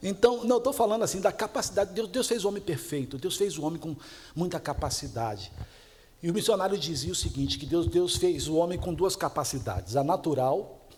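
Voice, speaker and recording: Man, Brazilian Portuguese accent, pastor, sermon, chatty storyteller, laughs easily, slightly high pitch. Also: darkish tone. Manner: chatty, laughs at his own stories.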